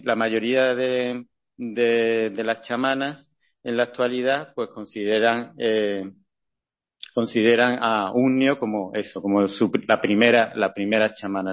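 A man lectures a class from his slides at an ordinary mid pitch, restarting his sentences and checking in with listeners as he goes. His speech is halting and full of repairs. The recording is slightly dull and lo-fi.

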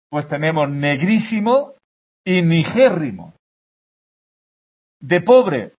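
Husky man teaching grammar. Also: on the high side. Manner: explanatory, checks understanding with frequent "¿de acuerdo?". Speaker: language teacher. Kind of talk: grammar lesson to a class.

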